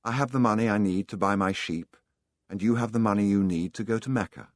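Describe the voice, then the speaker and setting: A man's voice: lowish voice, fairly quick, dry recording, clean studio sound, lightly acted. A man reading the lines of a hopeful young shepherd boy in an audiobook, earnest in tone.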